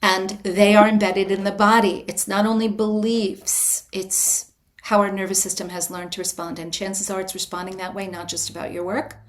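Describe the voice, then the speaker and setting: Speaking as a podcast guest, this writer and retreat leader describes her approach in a reflective interview answer. Her mid-range voice stays calm and measured with an inviting quality, though she restarts her sentences often.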